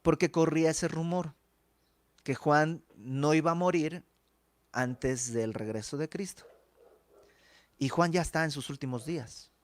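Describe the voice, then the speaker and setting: A man's voice: on the high side, a little slow, pauses often, no room sound. A man teaching a verse-by-verse Bible study in a conversational way, acting out the dialogue of the text.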